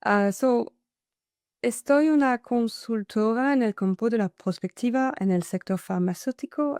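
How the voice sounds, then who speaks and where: A consultant from Paris, France, gives an online masterclass in Spanish over a video call as a guest speaker, speaking with a French accent in a language that isn't her first. Her pace is slow and halting, peppered with "so" and "am" fillers. Her mellow voice sits on the high side, and the sound is dry and close with no echo.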